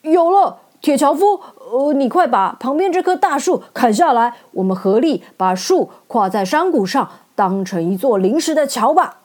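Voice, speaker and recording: A woman voicing a clever, calm male scarecrow who speaks briskly and eagerly in a storybook reading. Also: sits high, pitched above the performer's own voice.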